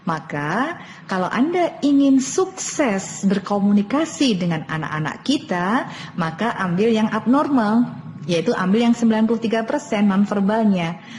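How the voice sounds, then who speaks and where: A woman's voice: mid-range voice, animated, a little slow, a little mellow. Woman teaching a parenting webinar. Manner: explanatory, repeats key points, mixes in English terms. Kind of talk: online lecture. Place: online webinar. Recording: long reverb, faint background noise.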